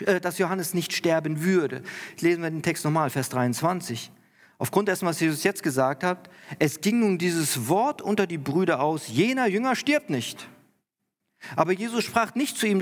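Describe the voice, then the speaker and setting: A pastor preaching to his congregation, explaining scripture in an earnest way and lifting his voice with emphasis when he quotes the text. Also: on the high side. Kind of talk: sermon. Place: church hall. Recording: long church-hall reverb.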